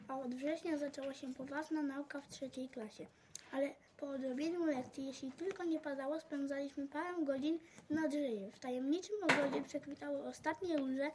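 A woman narrates a children's novel in a bright, high voice. She reads at a measured storytelling pace and lifts her volume when she voices the quoted speech. A faint background hiss sits under her voice. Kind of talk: reading a children's novel aloud.

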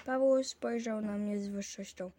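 A woman reading a children's story aloud in a measured, unhurried way. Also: medium pitch, steady tone, warm tone, dry recording. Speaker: reader.

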